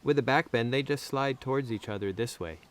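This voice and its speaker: A man's voice: medium pitch, fairly quick, smooth. A man answering interview questions, explaining spine and shoulder anatomy in a thinking-aloud, conversational way.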